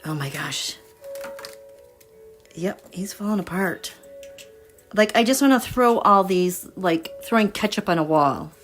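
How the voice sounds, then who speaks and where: A woman's voice: medium pitch, animated, measured pace, long pauses, faint music behind. A woman reading tarot cards in a casual livestream, chatty and meandering as she thinks aloud. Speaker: tarot reader.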